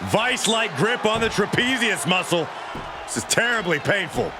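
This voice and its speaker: A man delivering excited commentary as a wrestling commentator. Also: sits high, moderate pace, a crowd in the background. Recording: very noisy arena background. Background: loud noise and thumps.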